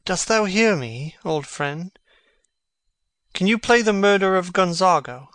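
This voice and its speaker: A man playing a brooding, sharp-witted young prince, speaking verse theatrically. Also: high voice, animated, measured pace, no echo. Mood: courteous. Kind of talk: reading a stage play.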